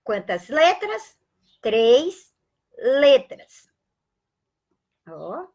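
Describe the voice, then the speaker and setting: A Brazilian woman teaching a live-streamed Portuguese lesson, spelling sounds out slowly and greeting viewers by name with affectionate asides. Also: sits high, big pitch swings, a little mellow. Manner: slow, drawn-out spelling of sounds and letters.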